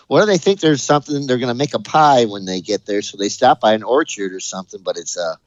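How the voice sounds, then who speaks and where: A man's voice: medium pitch, fairly quick, no echo, lo-fi sound. A man co-hosting a casual movie podcast, laid-back, laughing easily and agreeing often. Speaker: podcast co-host.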